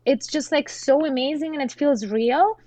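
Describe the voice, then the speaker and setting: A woman from Russia in her thirties, chatting casually about music, full of "like" fillers and quick laughs. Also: high voice, mellow, no room sound. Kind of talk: casual chat.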